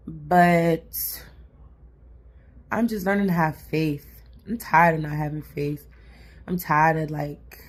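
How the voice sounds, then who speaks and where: Raspy mom vlogging, low husky voice, swears a lot but keeps it uplifting. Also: female voice, darkish tone. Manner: blunt, profane and encouraging, says "y'all" and "honey". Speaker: vlogger and mother. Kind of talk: casual motivational talk to camera.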